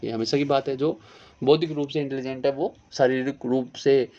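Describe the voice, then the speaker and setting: A man's voice: mid-range voice, steady tone, fairly quick, warm tone, slight background noise. A man giving an exam-prep Hindi grammar lesson, explaining word meanings and correcting spellings, repeating each word aloud. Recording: dull lo-fi sound.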